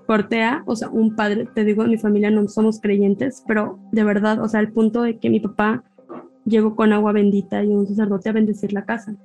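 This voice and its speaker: Mexican lady on a podcast, animated storytelling, warm mellow tone, faint music under. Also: medium pitch, normal speed, low-quality recording. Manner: animated, acts out family dialogue. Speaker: podcast guest. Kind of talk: casual storytelling.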